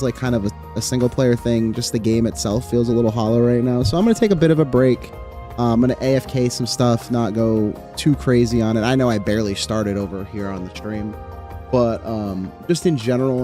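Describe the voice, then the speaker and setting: A man's voice: medium pitch, warm tone. Rambling young man streaming, faint music behind. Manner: rambling, filler-heavy, swears casually. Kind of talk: casual live-stream chat.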